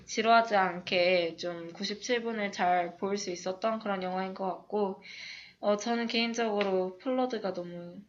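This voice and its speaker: A woman's voice: mid-range voice, fairly even intonation, normal speed, slight background noise. A young woman co-hosting a casual film chat in a hesitant, agreeable way, her speech touched by dental braces. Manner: hesitant, agreeable, filler-heavy. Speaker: podcast co-host. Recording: dull lo-fi recording.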